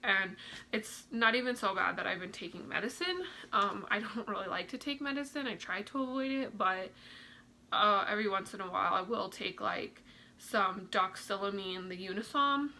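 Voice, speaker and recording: A woman's voice: medium pitch, bright, forceful tone, a little hiss or hum, rough recording. A young woman chatting casually in a vlog, a little out of breath, with lots of "like" and "um" fillers. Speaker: vlogger. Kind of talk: casual pregnancy update vlog.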